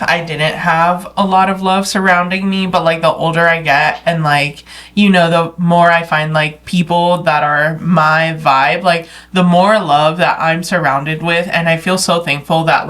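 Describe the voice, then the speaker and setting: A young woman from Los Angeles hosts a casual podcast interview in a slightly low voice. She reflects openly on her own life, rambling and candid, with "like" in nearly every phrase. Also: fairly bright tone. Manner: reflective, filler-heavy, says like constantly. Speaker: podcast host.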